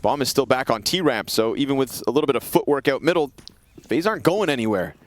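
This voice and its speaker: A man's voice: medium pitch, expressive, quick pace. A man calling an esports match play by play, with dramatic, punchy caster delivery.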